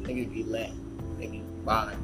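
A man's voice: fairly low pitch, level tone, a little fast. A young man hosting a podcast in casual slangy chat, boastful and playful. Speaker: podcast host. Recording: echoey, music behind the voice.

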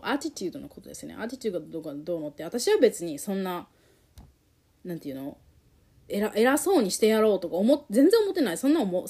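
Animated, emotional woman telling a personal story. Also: mid-range voice. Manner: emotional, animated, reflective, with many fillers.

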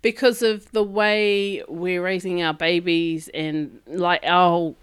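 A woman's voice: lowish voice, fairly even intonation, slow, clean tone, dry recording. A woman with a New Zealand Māori English accent co-hosts a podcast, telling stories in a chatty, colloquial way. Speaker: podcast co-host. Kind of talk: casual chat. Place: makeshift setup in hotel room.

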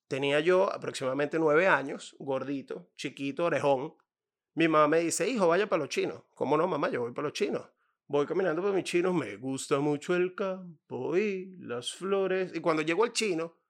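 Gravelly high-voiced Venezuelan comic. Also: male voice. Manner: animated storytelling, playful asides. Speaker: comedic advice vlogger. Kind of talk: comedic monologue.

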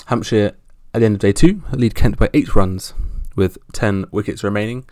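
Gravelly-voiced man hosting a sports podcast. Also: lowish voice, normal speed, dark tone, no echo. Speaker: podcast host. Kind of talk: casual solo sports roundup.

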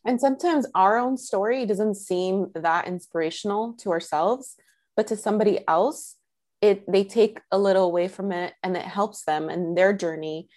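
A woman's voice: mid-range voice, moderate pace, a little mellow. A woman interviewing on a podcast in a casual, conversational style.

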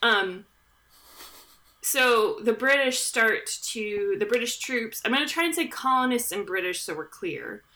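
A woman's voice: fairly high pitch, expressive, normal speed, few pauses, pushed and bright. A woman hosting a podcast, retelling history in a chatty, jokey way with plenty of fillers and asides into a studio mic. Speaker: podcast host. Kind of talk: casual history chat. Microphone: studio podcast microphone.

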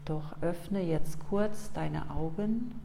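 Woman, hypnotic meditation guide, slow soothing phrases, dark soft tone, long pauses, faint noisy ambience behind. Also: on the low side, gravelly. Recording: long reverb, faint background noise.

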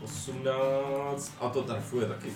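Guy dming a tabletop game, chill, roomy echo, music under it. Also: mid-range voice. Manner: relaxed, describes scenes and calls for rolls. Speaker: game master. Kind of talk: running a tabletop game, casual. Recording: echoey room with background music.

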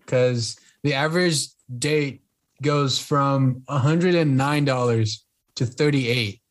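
A young man in casual podcast chat, slow and hesitant, reading facts aloud with pauses. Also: medium pitch. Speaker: podcast co-host.

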